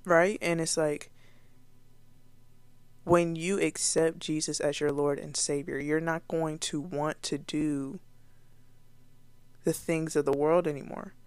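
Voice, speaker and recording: A woman's voice: low-pitched, little pitch movement, takes it slowly, long pauses, darkish tone, clean tone, no echo. A woman giving a casual Bible teaching to her viewers, earnest and conversational, with fillers and restarts along the way.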